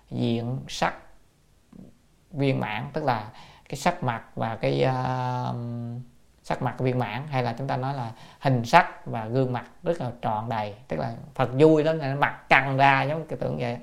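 A man giving a Buddhist sutra commentary lecture. He chants classical phrases slowly, then explains them word by word, often asking his listeners rhetorical questions. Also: mid-range voice, vocal fry.

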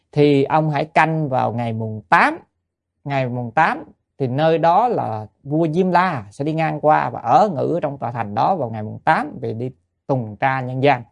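A man's voice: mid-range voice, gravelly, muffled recording. A man giving a Buddhist dharma talk, telling a story and asking listeners rhetorical questions. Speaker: Buddhist teacher.

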